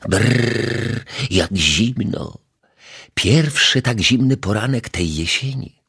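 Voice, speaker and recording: A polite, mild-mannered detective from a children's audiobook, as the narrator voices him. He talks gently, a touch sheepish, slightly above the narrator's pitch. The tone stays soft and breathy. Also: animated, slow, heavily acted. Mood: shivering. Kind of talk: audiobook character voice.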